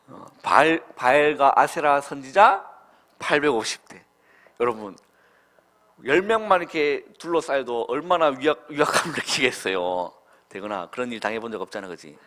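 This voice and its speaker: Lively man preaching to children. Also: mid-range voice. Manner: asks the children questions, swings between loud calls and soft murmurs. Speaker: Sunday school preacher. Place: church.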